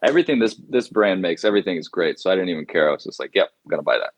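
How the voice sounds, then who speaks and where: Now animated and racing, the low-voiced guest musician, a man in his forties who grew up in Indonesia, rambles through long stories in a casual interview. He restarts often and uses many fillers, recorded with no room sound.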